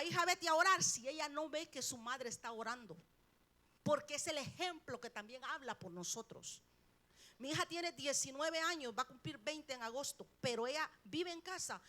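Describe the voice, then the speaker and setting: A middle-aged woman preaches from the pulpit, her voice high and bright with a sharp edge. She presses her points hard, jumping from loud emphasis to hushed lines. She keeps turning to the congregation with questions. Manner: emphatic, swings between loud peaks and quiet drops, rhetorical questions. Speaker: preacher, pastor's wife. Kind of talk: sermon. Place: church sanctuary.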